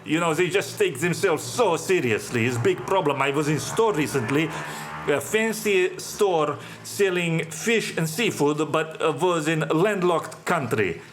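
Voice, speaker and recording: Halting, sardonic male monologue host. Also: a little high, animated, fairly bright tone, a little hiss or hum. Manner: halting, many "uh" fillers, drops articles; sardonic, pronouncing. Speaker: podcast host. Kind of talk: solo monologue commentary.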